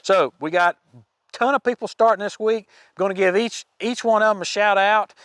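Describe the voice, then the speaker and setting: A man's voice: high-pitched, steady tone, moderate pace, a bit bright, clean tone, dry recording, clean studio sound. Folksy man giving casual trail news. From United States. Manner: folksy, chatty, with fillers and restarts. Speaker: podcast host. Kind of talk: casual hiker news update.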